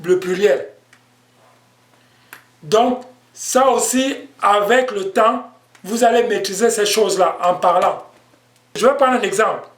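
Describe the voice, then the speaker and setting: In a room with an echo, a man with a high voice teaches a language lesson online. He explains slowly and patiently, repeating himself as he goes.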